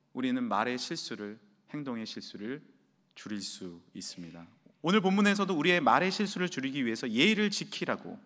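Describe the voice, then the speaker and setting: A man preaching a sermon as senior pastor, an animated storyteller who acts out the voices he quotes. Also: on the high side. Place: church sanctuary. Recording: long reverb of a large hall.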